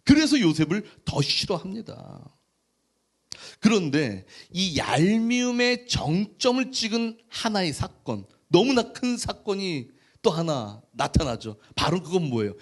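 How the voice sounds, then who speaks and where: A male pastor preaching a sermon, telling a Bible story with animated storytelling and rhetorical questions to the congregation. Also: high voice.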